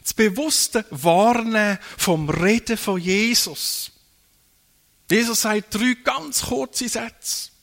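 A man's voice: sits high, slow, gravelly, fairly bright tone. A man preaching a sermon, dwelling on phrases and repeating key words for emphasis.

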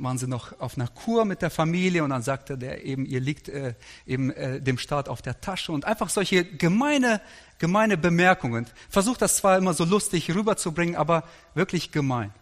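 Middle-aged male pastor, slightly high voice, storytelling sermon, long hall reverb. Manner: lively anecdotal preaching with quoted dialogue.

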